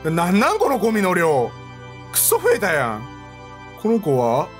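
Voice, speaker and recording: A man's voice: high-pitched, huge pitch swings, moderate pace, soft background music. A man giving joking, self-mocking commentary on a horror game as he plays it. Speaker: game streamer. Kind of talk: let's play commentary.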